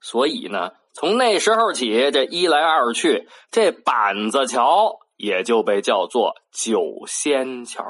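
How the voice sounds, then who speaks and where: A storyteller with a Beijing accent telling an old folk tale in a lively way, with playful asides and spoken sound effects. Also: medium pitch, slow pace, hardly any pauses, slight background noise.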